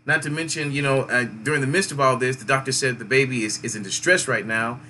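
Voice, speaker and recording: A man's voice: mid-range voice, steady tone, quick pace, sharp tone, slight background noise. A man hosting a live call-in show, calling out caller numbers and giving his take on a stream. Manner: takes callers by number, talks over a stream.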